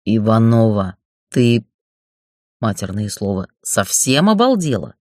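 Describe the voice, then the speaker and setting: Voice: medium pitch, big pitch swings, slow pace, a little mellow, no room sound, studio quality, pitched below the performer's own voice. A narrator voicing a crude, foul-mouthed middle-aged male boss who bullies and mocks in an audiobook. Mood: angry bullying. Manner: bullying, swearing, mocking. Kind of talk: audiobook character voice.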